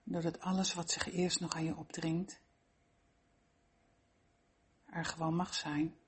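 A soft, breathy voice guiding a body-scan meditation, speaking gently and slowly with long pauses. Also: medium pitch, little pitch movement. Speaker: meditation guide.

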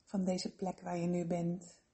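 A woman leading a slow guided relaxation meditation in a soothing, gentle, unhurried manner with long pauses. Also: fairly low pitch, monotone.

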